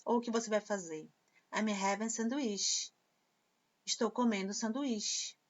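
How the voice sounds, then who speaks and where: A woman teacher explaining English grammar slowly and patiently. She repeats example phrases and translates them. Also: mid-range voice, steady tone. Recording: dull lo-fi sound.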